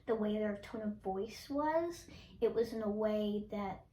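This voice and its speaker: A woman's voice: medium pitch, measured pace, mellow, slight background noise. A teenage girl answering interview questions casually and hesitantly, with many ums and restarts. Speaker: interviewee, younger sibling. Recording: roomy echo, distant mic.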